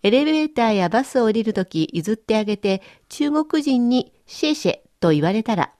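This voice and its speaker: A woman hosting a language lesson, reading scripted narration in a clear, instructive way. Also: fairly high pitch, very animated, moderate pace, a little mellow, dry recording, clean studio sound.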